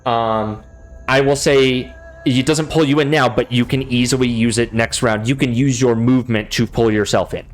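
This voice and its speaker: A man's voice: mid-range voice, steady tone, normal speed. A man runs a tabletop game as its game master, rambling casually through rules and action. Faint music plays behind his voice. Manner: casual, rambling, many fillers.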